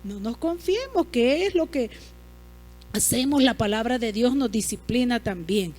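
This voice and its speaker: A woman's voice: fairly high pitch, animated, measured pace, darkish tone. A woman pastor, preaching a sermon emphatically and asking the congregation rhetorical questions.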